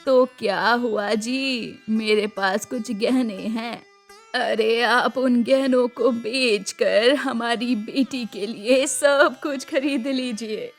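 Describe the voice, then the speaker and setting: A woman voicing a kind middle-aged village wife in a cartoon story, gentle and coaxing. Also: on the high side, slow pace, soft background music.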